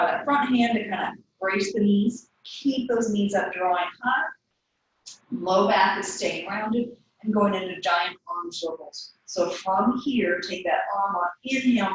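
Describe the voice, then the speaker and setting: Calm woman cueing yoga breaths. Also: medium pitch, slight background noise. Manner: calm cues timed to the breath. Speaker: yoga teacher. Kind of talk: guiding a yoga class. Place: yoga studio. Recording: echoey room, voice from a distance.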